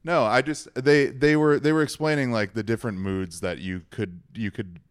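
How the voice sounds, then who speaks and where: A man on a podcast panel, telling an animated story in a loose, amused way. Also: medium pitch, normal speed, smooth.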